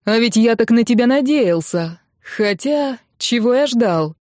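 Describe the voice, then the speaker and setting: A theatrical uncle delivers mock-tragic sarcasm in drawn-out phrases, as a woman reader acts him out. The audiobook sound is close and dry. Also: medium pitch, animated, a little mellow, dry recording, lightly acted. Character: theatrical middle-aged uncle, mockingly tragic.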